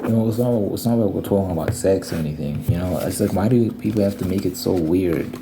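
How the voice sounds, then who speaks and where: A man's voice: low voice, fast talker, creaky. A young man rambling casually in an ASMR video, talking in an informal, slangy, complaining way. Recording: noisy recording with clicking sounds.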